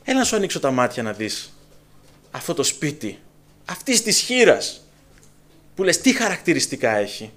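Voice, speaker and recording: A man preaching a sermon to a congregation, dramatic and emphatic, dropping to a hush and then rising loud, acting out quoted dialogue. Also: a little high, wildly swooping pitch, pauses often. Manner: acts out dialogue in quoted voices.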